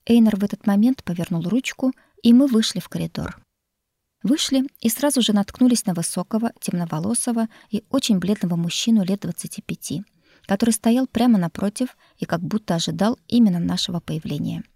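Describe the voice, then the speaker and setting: A woman reading a first-person novel aloud in an expressive, wry storytelling manner. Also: mid-range voice, brisk, creaky, husky, dry recording. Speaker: audiobook narrator. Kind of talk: first-person audiobook narration.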